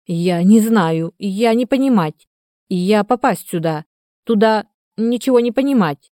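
A woman's voice: mid-range voice, expressive, unhurried, dark tone, no room sound, clean studio sound, pitched above the performer's own voice, natural voice. A woman voicing a desperate man who pleads in a raised, urgent voice. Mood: broken speech.

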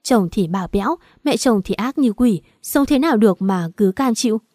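A woman's voice: fairly high pitch, lively intonation, moderate pace, mellow, dry recording, studio quality. A woman voicing a blunt, protective young female friend who scolds and urges in an audiobook. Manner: frank, scolding, urging. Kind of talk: audiobook character voice.

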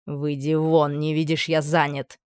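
A menacing older high judge, as a reader puts him on, drawling each threat slowly and in a lowered voice. He sounds cruel and amused, like a villain in a spoken storybook. The recording is dry and close. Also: flat delivery, smooth, no room sound, lightly acted. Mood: cold. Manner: slow, purring, low threats.

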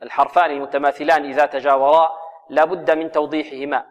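Man teaching Quran recitation, slightly high voice. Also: little pitch movement, lo-fi sound. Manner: drills students with rhetorical questions; recites verses slowly and melodically. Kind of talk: chanted recitation and grammar lesson.

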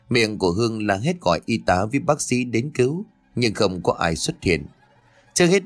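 A man narrating a dramatic, suspenseful audio story in an expressive way. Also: lowish voice.

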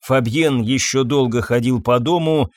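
A man narrating a tense story in expressive scripted narration. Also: mid-range voice, normal speed, no room sound, studio quality. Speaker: audiobook narrator.

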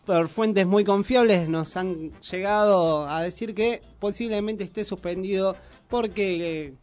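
Chatty Argentine man, high voice. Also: unhurried, darkish tone, faint music behind. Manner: chatty, joking. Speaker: radio host. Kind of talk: casual radio chat.

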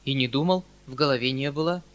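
A man voicing a flustered, kindly old country landowner who talks in a hurried, fussy, pleading way. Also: mid-range voice, fairly bright tone, lightly acted.

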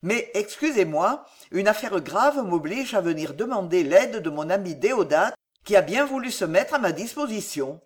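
A reserved young chevalier, wry and measured in speech, voiced by the reader. The pitch still moves lively from phrase to phrase. An audiobook character with no strong disguise. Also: slightly rough. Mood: guarded.

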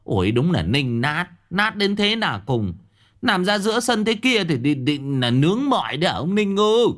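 A man's voice: high-pitched, very animated, moderate pace, pitched above the performer's own voice. A man voicing a rowdy, nagging drunken village neighbor in a spoken ghost story. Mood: shrill scolding. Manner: loud, nagging, slurring banter.

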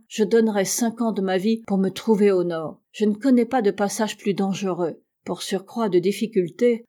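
Stern angry sea captain, a woman reading him in a storybook, curt and severe, mellow low tone. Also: lightly acted. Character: stern, proud, angry male ship captain.

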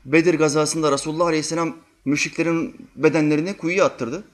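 A man giving a religious sermon, telling vivid stories and acting out quotes, swinging between loud and hushed. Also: a little high, fairly even intonation, fast talker. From Turkey. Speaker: preacher.

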